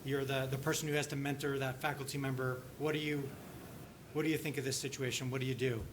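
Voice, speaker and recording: A man presenting a teaching workshop and talking through a case, halting often and restarting his sentences, with lots of "you know". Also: medium pitch, level tone, noisy background. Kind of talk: conference teaching session with case discussion.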